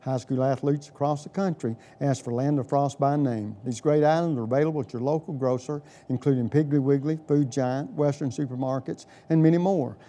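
Man, scripted sponsor read, mellow tone, medium pitch. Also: steady tone, brisk, hardly any pauses.

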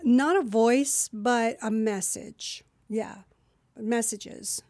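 A woman's voice: fairly high pitch, extremely slow, darkish tone, no echo. Woman voiceover artist guest, from New Jersey, chatty and rambling, dry. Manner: chatty, rambling, many asides. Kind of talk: casual interview chat.

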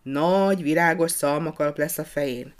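Narrator putting on a bossy male gardener, worked up and shouting, voice pushed higher and louder than the telling around him. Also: natural voice. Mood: self-important. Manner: excited, fussy, often shouting.

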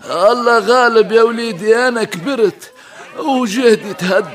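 A man's voice: very high voice, normal speed. An actor playing a humble, resigned old Tunisian woodcutter and father in a radio drama, speaking plaintively. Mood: plaintive, weary. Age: older.

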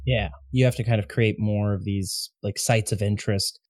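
A man hosting a podcast, chatting casually and eagerly in quick bursts. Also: on the low side, steady tone, a little mellow, no room sound, clean studio sound. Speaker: podcast host.

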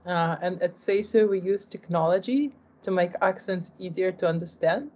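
A woman's voice: on the low side, moderate pace, a little mellow, highs cut off. A woman, a startup founder answering interview questions earnestly, often restarting her sentences. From Ukraine, raised in Poland. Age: 40s. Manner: earnest, with frequent restarts and repeated words.

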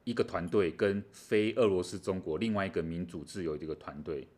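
A man's voice: deep voice, brisk, darkish tone. A man co-hosting a casual chat on world affairs, explaining things animatedly with many fillers. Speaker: co-host.

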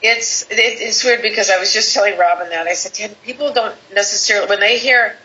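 Woman, guest, personal storytelling, animated, quotes people, bright voice, lo-fi sound. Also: medium pitch, fairly quick. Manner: animated, quoting others in lively voices. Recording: slightly dull lo-fi audio with faint background hiss.

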